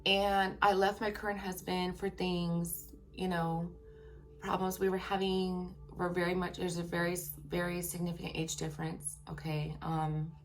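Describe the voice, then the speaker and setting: Here a woman with a lowish, level voice recounts something personal to her audience at normal speed. She's frank and emphatic, keeps tossing in "okay?", and sounds raspy from a long workday.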